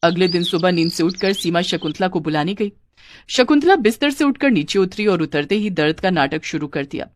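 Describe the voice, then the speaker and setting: A woman narrating a cartoon family story in a plain, even storytelling voice. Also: on the low side, fairly quick.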